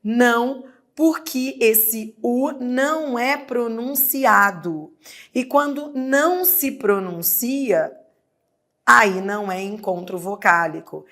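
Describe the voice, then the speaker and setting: A woman's voice: a little high, slow, fairly bright tone. A woman teacher with a Brazilian accent giving an exam prep lesson, sounding out words syllable by syllable. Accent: Brazilian Portuguese.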